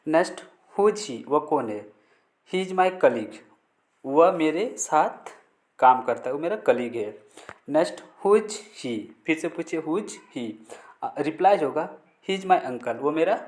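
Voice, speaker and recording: Slow, drawling Hindi-speaking English teacher. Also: male voice, fairly high pitch. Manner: slow, drills English sentences aloud and translates each into Hindi. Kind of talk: spoken English lesson in Hindi.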